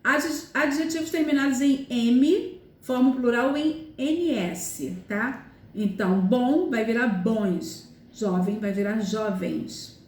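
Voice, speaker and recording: A woman's voice: fairly high pitch, takes it slowly, roomy sound. A teacher, a woman, explaining grammar rules step by step and checking in with her students often. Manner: explanatory, repeats examples, frequent "tá?" and "né?" checks. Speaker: Portuguese language teacher. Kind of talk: recorded grammar lesson.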